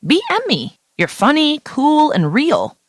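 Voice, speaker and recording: A woman's voice: sits high, wildly swooping pitch, unhurried, no echo, clean studio sound, pitched above the performer's own voice, heavily acted. A woman reading an audiobook, voicing a blunt, foul-mouthed young woman who is the heroine's best friend. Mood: encouraging. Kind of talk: audiobook character voice.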